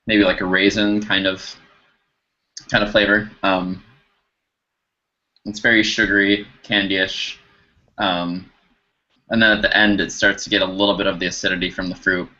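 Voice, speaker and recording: A man's voice: low voice, flat delivery, moderate pace, pauses often, sharp tone, highs cut off. A man co-hosting a casual beer review show, searching for words with hesitant fillers. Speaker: beer review podcast co-host. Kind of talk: casual beer tasting chat.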